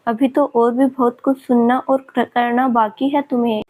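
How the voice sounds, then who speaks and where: A woman's voice: on the high side, fairly even intonation, moderate pace, a little mellow, natural voice. A woman voicing a taunting, leering male villain who has escaped from an asylum, in her own narrating voice. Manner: mocking and leering.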